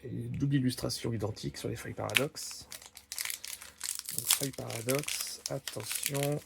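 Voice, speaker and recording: A man hosts a card-opening video, tearing into trading card packs and chatting casually as he reads out each card's name. His medium-pitched voice is steady with vocal fry, and his manner is slow and musing. The audio is very noisy, with wrappers crinkling in the background.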